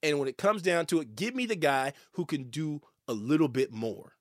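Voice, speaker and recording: Sports talk host, man, high-pitched, heated opinion rant, dry close sound. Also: normal speed, no echo. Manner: animated, ranting, stammers when worked up.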